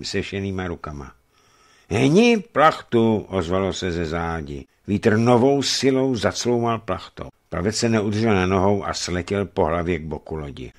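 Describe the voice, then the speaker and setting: A man reading a novel aloud for radio with expressive storytelling narration. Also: deep voice. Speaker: reader.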